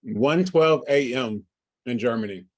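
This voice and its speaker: A man running a livestreamed tabletop game as game master, halting and full of fillers and restarts. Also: medium pitch, lively intonation, no room sound.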